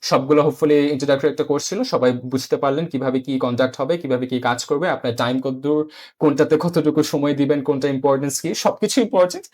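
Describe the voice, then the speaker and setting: A man's voice: mid-range voice, fast, a little mellow. A man teaching a beginner exam-prep lesson, explaining patiently and often repeating himself, with English terms mixed in and frequent "uh" fillers. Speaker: IELTS teacher.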